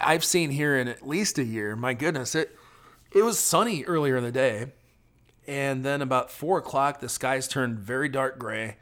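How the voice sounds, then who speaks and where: A man's voice: medium pitch, a bit bright. A man giving a rambling, chatty running commentary from inside his van while he drives, recorded on a phone video from a phone mounted on the dashboard. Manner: chatty and rambling, thinking aloud with many restarts. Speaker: road-trip vlogger.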